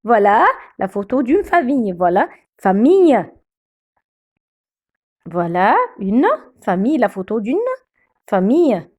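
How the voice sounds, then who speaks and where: A woman teaching beginner French pronunciation, saying each word slowly and repeating it several times. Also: mid-range voice, big pitch swings, dark tone.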